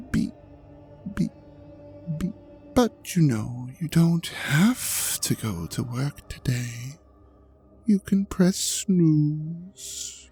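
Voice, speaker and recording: Soothing and hypnotic, a performer fully voices a smug, seductive ancient dragon god in an intimate audio drama. The pitch is medium and the tone darkish, with breathy half-whispers that coax and tease the listener.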